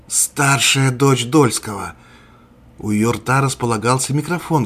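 A man narrates a dramatic story in a low, husky voice. His delivery is measured and steady.

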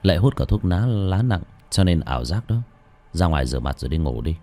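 Old exorcist master, voiced by a man: deep, calm, measured, firm. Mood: stern.

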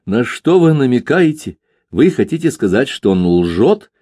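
A man's voice: mid-range voice, big pitch swings, a little slow, dark tone, breathy edge, no echo, studio quality, voice pushed up. A man voicing the victim's indignant son, who protests in agitated outbursts.

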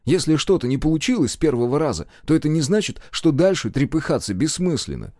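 A man's voice: on the high side, very animated, quick pace, a little mellow, no room sound, studio quality, voice pushed up. A male audiobook reader voicing a cheeky young man who answers earnestly and a little insolently. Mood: defiant. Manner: earnest, defensive, casual. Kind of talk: audiobook character voice.

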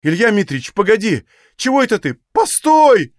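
A man's voice: sits high, sing-song, moderate pace, no room sound, studio quality, voice pushed up. A man voicing a frightened male soldier who pleads anxiously.

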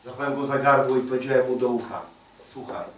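A man preaching a sermon, emphatic, repeating key phrases and slowing down to stress them. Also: medium pitch, flat delivery, slight background noise. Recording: echoey hall, voice from a distance.

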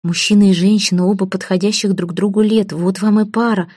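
A woman's voice: mid-range voice, fairly even intonation, a little fast, warm tone, husky, dry recording, clean studio sound, natural voice. A woman voicing an earnest, impulsive young nobleman who speaks insistently.

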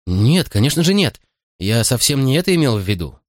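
A man's voice: medium pitch, very animated, fairly quick, no echo, studio quality, voice pushed up. A man voicing an anxious young boy who presses with emotional, pleading questions in an audiobook.

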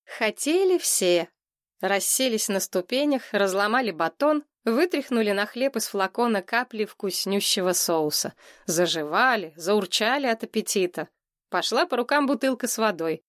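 A woman reading a children's story aloud with clear, expressive narration. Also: medium pitch, moderate pace, no room sound, studio quality. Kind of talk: audiobook narration.

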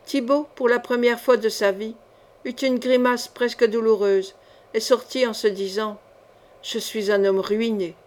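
A woman reading a classic novel aloud as an audiobook, in a measured storytelling manner. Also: fairly high pitch, fairly even intonation, darkish tone. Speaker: audiobook reader.

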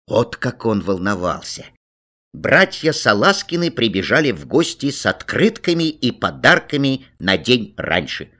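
A man narrating a children's story with an expressive delivery. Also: mid-range voice, unhurried. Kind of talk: storybook reading.

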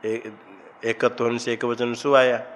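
Slow, deliberate male grammar teacher. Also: medium pitch, flat delivery, a little hiss or hum, rough recording. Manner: quizzes the class with repeated questions, then recites rules. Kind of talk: classroom grammar lesson. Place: ashram classroom.

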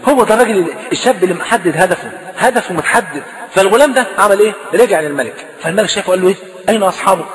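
An Egyptian Arabic-accented man preaches a storytelling sermon in a high, bright voice. He rattles through the tale at breakneck speed and animatedly voices the characters. His words ring out with a long hall reverb. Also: very fast, hardly any pauses. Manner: animated, acts out dialogue of the story.

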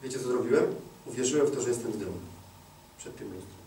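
A man preaching a testimony in a roomy church hall, his voice picked up from a distance. He moves between quiet, confiding asides and loud, drawn-out declarations, and he speaks to the congregation as if chatting with friends. There is a faint hum of the room behind him. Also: medium pitch. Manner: swings from hushed confiding to loud, slow, emphatic preaching; addresses listeners directly and colloquially. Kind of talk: sermon testimony. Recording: echoey hall, mic at a distance.

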